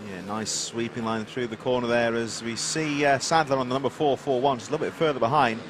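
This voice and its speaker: A man's voice: mid-range voice, steady tone, fast. A man giving live motorsport commentary as race commentator, reeling off rider names and running order. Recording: noisy outdoor trackside sound. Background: vehicle and outdoor track noise.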